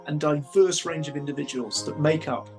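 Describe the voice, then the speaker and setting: A man with a fairly high-pitched voice hosts a podcast. He presents the show and leads the interview, with some music in the recording. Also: moderate pace. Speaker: podcast host, university careers consultant. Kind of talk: podcast hosting, scripted intro and interview.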